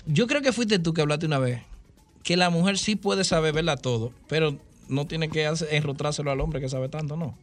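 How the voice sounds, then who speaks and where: A man's voice: a little high, fairly quick, soft background music. A middle-aged man, joking and self-deprecating as a radio guest.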